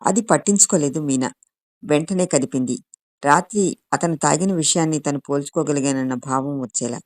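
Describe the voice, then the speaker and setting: Brief: woman narrator, low voice, dry close sound, calm even storybook reading. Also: moderate pace, no echo. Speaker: story reader. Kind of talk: scripted audiobook narration.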